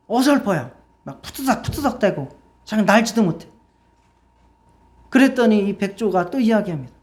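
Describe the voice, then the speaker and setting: A woman's voice: mid-range voice, darkish tone. A woman pastor preaching in church, telling a story and asking the congregation questions. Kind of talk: sermon with storytelling.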